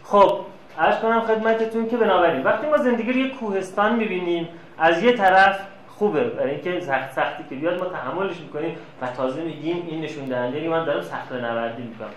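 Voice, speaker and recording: A man giving a classroom lecture, telling anecdotes and acting out quoted dialogue. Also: fairly high pitch. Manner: lively storyteller, plays out quoted dialogue. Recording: echoey room, faint noise.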